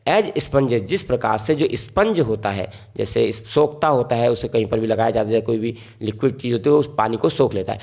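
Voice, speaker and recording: A man's voice: medium pitch, animated, a little fast, vocal fry, hardly any pauses, darkish tone. A man teaching a poem line by line, explaining each word simply and repeating points, with Indian-accented English.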